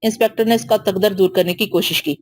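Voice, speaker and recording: A woman's voice: medium pitch, fast talker, dry recording. Woman narrating a novel, dry close sound. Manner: reads all characters in one steady voice. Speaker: audiobook narrator.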